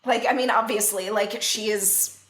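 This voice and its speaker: A woman's voice: mid-range voice, fairly even intonation, moderate pace, a bit bright, slight background noise. Rambling woman podcast co-host. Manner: rambling, heavy use of "like", casual swearing. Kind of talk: casual chat.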